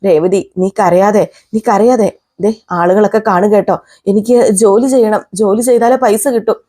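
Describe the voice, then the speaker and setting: A proud young working-class driver with a mellow, warm voice, as a woman reads his lines. He speaks with indignant defiance, and his lines are told as a recap of a television serial. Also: mid-range voice, steady tone, normal speed, close to an everyday voice. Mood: pleading. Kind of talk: retelling a serial scene.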